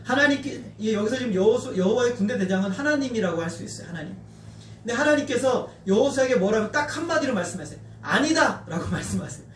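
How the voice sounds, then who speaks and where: A man from North Jeolla preaching a sermon as pastor, animated and acting out quoted voices. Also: very high-pitched, fast talker. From Korea, North Jeolla. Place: church sanctuary. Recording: echoey church hall, distant mic, faint noise.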